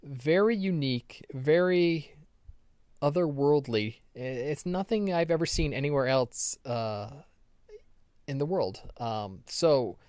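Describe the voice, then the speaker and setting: A man's voice: medium pitch, a little mellow, smooth, no room sound, studio quality. A man co-hosting a podcast in casual chat, rambling through stories with ums and restarts. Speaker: podcast co-host.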